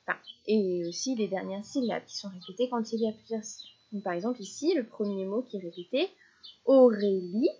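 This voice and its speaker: A woman teaching a child nursery rhymes, slowly chanting and echoing the last syllables of words. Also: mid-range voice, mellow, husky, muffled recording. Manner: slow, deliberate syllable-by-syllable chanting addressed to a child.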